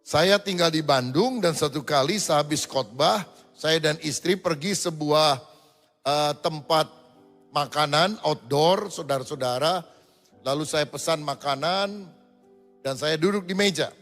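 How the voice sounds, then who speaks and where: A man preaching a sermon as a pastor, telling lively, humorous stories and acting out the voices in them. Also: on the high side, a little slow. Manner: lively storytelling, acts out voices in quotes. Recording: reverberant hall with faint music.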